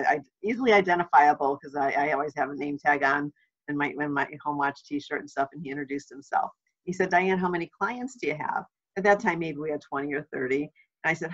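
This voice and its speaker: A woman teaches a webinar on home watch in a chatty, storytelling way, full of lively asides. Her voice comes through dull and lo-fi, like an older recorded session. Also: low voice. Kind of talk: informational webinar talk.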